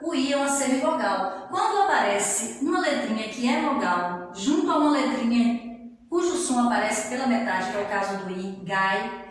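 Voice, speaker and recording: Her voice is fairly high and animated, a middle-aged-sounding teacher drawing each syllable out slowly during a grammar lesson. She tosses in frequent check-in tags to her class, and the very echoey space gives everything a long reverb tail.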